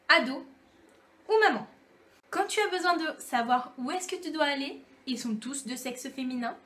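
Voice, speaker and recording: A young YouTube vlogger from France, her voice high and a bit bright, talks to camera in a chatty, playful comic monologue and acts out short exchanges as she goes. A little hiss or hum can be heard.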